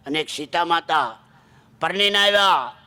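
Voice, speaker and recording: Woman, dayro folk storytelling, dramatic and emotional, very bright tone. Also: lowish voice, unhurried, clear, resonant tone.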